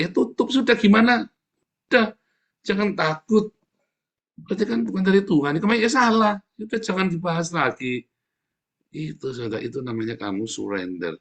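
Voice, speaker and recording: A man's voice: mid-range voice, creaky. A man preaching an informal sermon, joking and laughing as he addresses the congregation. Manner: animated, jokey, frequent laughing asides, addresses congregation as saudara.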